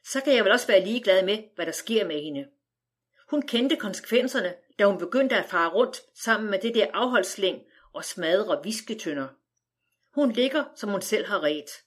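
A woman voicing a calm, stern father from the 1910s who speaks in a measured, dismissive way as she reads a storybook aloud. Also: medium pitch, lightly acted.

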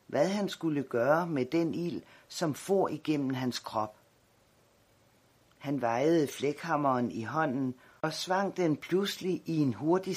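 A man narrating an audiobook, calm and measured. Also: on the high side, husky.

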